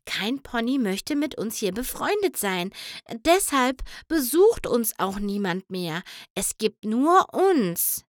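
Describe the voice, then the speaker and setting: Woman doing a high, stammering, trembling shy pony for a storybook reading. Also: big pitch swings, slow, no echo, studio quality. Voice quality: stuttering, trembling, very soft. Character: timid stammering young female pony.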